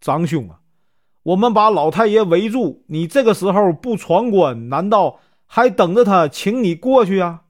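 A man's voice: high-pitched, expressive, normal speed, voice pushed up. A male storyteller voicing a cunning young officer who urgently coaxes and persuades in a spoken story. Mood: coaxing. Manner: urgent, coaxing.

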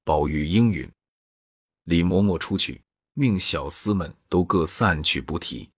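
A man narrates a classic novel in a steady, even way. His voice is very low and husky, and the recording is dry and close. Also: measured pace, no room sound. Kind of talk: reading a classic novel aloud.

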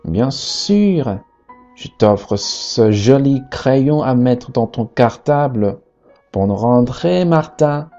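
A man's voice: medium pitch, expressive, takes it slowly, dark tone, lo-fi sound, soft background music. A man voicing a friendly hissing savanna creature in a storybook, talking in an encouraging way.

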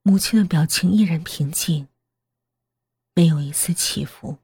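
A woman narrating a horror story in a hushed, half-whispered voice. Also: low-pitched, unhurried, husky, no room sound. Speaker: voice actor narrating.

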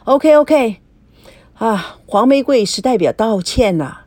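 A cocky young man who keeps needling his friend, as a woman reads him out. His lines swing lively up and down, recorded dry and close. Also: a little high, slow pace, dry recording. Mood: defensive. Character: smug, teasing young man, a sly friend.

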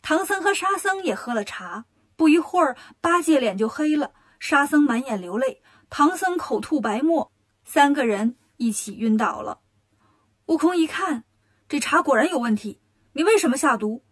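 A woman narrating a children's story in a lively, expressive way. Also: sits high, moderate pace.

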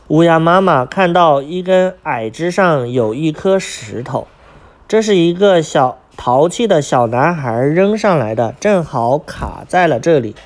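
A man reading a children's picture book aloud, pausing to ask his young listeners questions. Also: on the high side, a little mellow. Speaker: storyteller.

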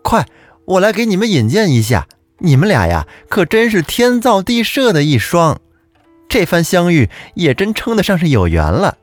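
A man's voice: high voice, big pitch swings, moderate pace, no echo, faint music behind, voice pushed up. A male storyteller voicing a pushy young courtesan woman who calls out to introduce two young men. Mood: eager, coaxing.

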